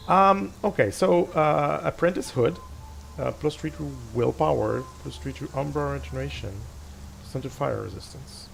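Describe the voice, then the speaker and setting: Game music plays behind a middle-aged gaming channel host, a native French speaker, who casually narrates his play, thinking aloud with restarts and self-deprecating asides. His medium-pitched voice is gravelly and a little slow, and the poor audio carries some hiss or hum.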